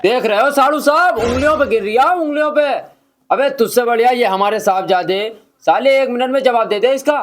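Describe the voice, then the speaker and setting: A man's voice: extremely high pitch, brisk, slight background noise. A man playing a foul-mouthed, boastful uncle who teases crudely. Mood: mocking. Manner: mocking, crude, theatrical scolding. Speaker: comedy sketch actor.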